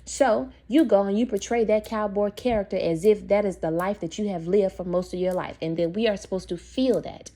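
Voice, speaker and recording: Opinionated young woman with a mellow voice. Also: medium pitch, fairly even intonation, fairly quick, hardly any pauses. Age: young adult. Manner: opinionated, preachy, addresses viewers directly. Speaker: video host. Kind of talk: casual monologue to camera.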